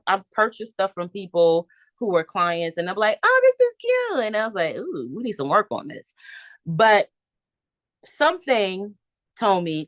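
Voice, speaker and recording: A woman coach telling a casual, animated story to her listeners, acting out her own thoughts as she goes. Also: fairly low pitch, no room sound. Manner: chatty and animated, addresses listeners as "y'all"; acts out her own thoughts in quoted asides. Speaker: coach speaking to her course members.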